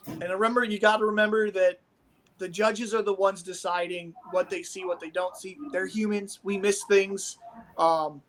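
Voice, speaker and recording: A man from Omaha, Nebraska, with a high-pitched and fairly bright voice, casually commentates martial arts sparring. His style is coach-like, enthusiastic and rambling.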